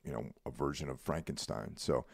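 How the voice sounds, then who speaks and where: A man co-hosting a podcast in casual chat, relaxed and rambling, often asking "you know what I mean?". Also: rumbling low, a little fast, gravelly, slightly rough, dry recording, studio quality. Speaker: podcast co-host.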